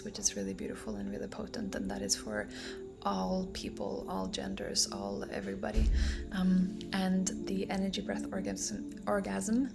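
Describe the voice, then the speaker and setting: A woman talking casually in a promotional vlog as a breathwork guide, unhurried and meandering with thoughtful pauses, her voice turning breathy at phrase ends. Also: medium pitch.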